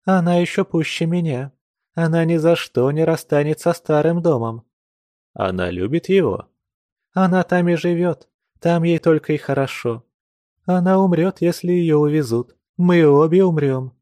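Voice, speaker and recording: A male reader voicing a lively, naive young village girl who talks coyly and teasingly. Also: on the high side, moderate pace, dry recording, studio quality, pitched above the performer's own voice, natural voice. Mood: girlish, playful. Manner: playful, coy, teasing.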